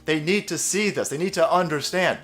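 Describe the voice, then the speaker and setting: A man's voice: a little fast, fairly bright tone, faint music behind. Foul-mouthed ranting male commentator. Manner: crude, mocking, swings into high sarcastic voices. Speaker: political commentary host.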